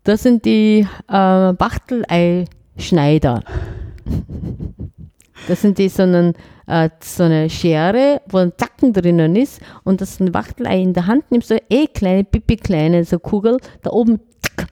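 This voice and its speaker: A woman chef, a native Korean speaker, chatting in an interview, animated and often searching for words. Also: medium pitch, unhurried, no echo, clean studio sound. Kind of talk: casual interview chat.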